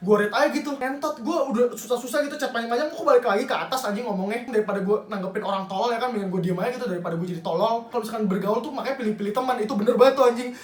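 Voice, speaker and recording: Fast, profane young man ranting. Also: very high-pitched, recorded from a distance. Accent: Jakarta slang. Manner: angry, profane, rapid ranting. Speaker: YouTuber. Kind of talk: ranting commentary vlog. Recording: roomy echo, slightly off-mic.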